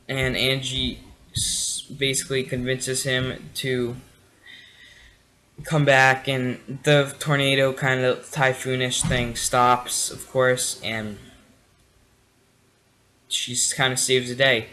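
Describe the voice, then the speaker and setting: A man's voice: mid-range voice, sharp tone, rough recording. A tired young man casually reviewing a TV episode late at night, rambling with many fillers and restarts. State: tired, yawning.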